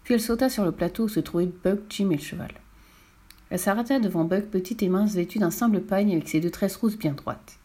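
A woman reading a children's story aloud. Her delivery is clear and expressive, and her pitch sits in a middle range. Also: brisk. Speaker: audiobook reader.

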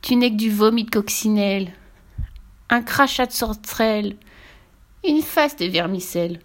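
A woman's voice: medium pitch, normal speed, close to an everyday voice. A woman voicing a spiteful, bickering witch who hurls silly rhyming insults in a storybook reading. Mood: mocking, spiteful. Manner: spits silly insults in rhymes.

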